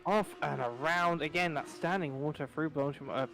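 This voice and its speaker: A man's voice: a little high, moderate pace, a bit bright. A man giving live commentary on an online endurance race, rambling and correcting himself as he talks. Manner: rambling, self-correcting, chatty. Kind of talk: live sim racing commentary.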